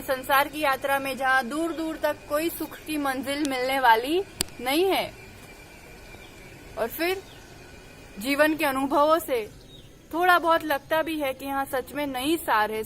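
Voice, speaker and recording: Woman, Jain nun, devotional sermon, earnest, exhorting, high-pitched. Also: a bit bright, slight background noise. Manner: earnest, exhorting, rising to emphatic calls. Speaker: Jain nun giving a discourse.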